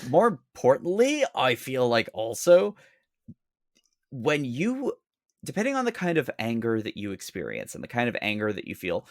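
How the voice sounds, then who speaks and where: A man's voice: mid-range voice, wildly swooping pitch, moderate pace, no echo, clean studio sound. A man co-hosting a casual podcast, blunt and sarcastic, swearing freely. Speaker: podcast co-host.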